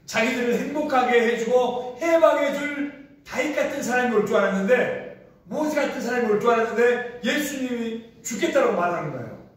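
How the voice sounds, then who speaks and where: A man with a high voice preaches a sermon, asking his congregation questions and acting out the lines he quotes. His voice comes from well off the mic and rings through a very reverberant hall. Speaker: pastor. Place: large echoey hall used for a church service. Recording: very echoey room, voice from far off the mic.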